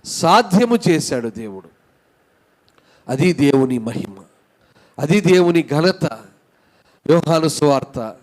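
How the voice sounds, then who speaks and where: Pastor, man, somewhat high voice, Telugu accent, emphatic sermon delivery full of questions to the flock. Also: darkish tone. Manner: preaching with rising emphasis and rhetorical questions. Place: church.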